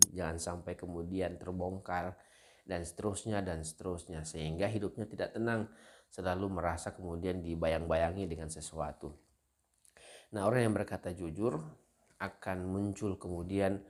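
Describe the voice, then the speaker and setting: Deep-voiced man giving a sermon. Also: darkish tone. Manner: measured and earnest, with frequent fillers and repeated words. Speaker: preacher. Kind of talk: Islamic sermon.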